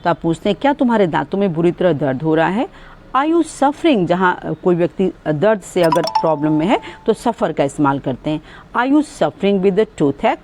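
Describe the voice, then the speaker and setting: A woman teaching English sentences in Hindi, explaining with fillers and saying each English sentence very slowly and clearly. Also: lowish voice, lively intonation, a little mellow, slight background noise.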